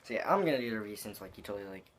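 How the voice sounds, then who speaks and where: A man's voice: fairly low pitch, animated, racing, noisy background. A young man talking with chewing tobacco in his mouth, giving a casual, rambling, slangy product review with some swearing.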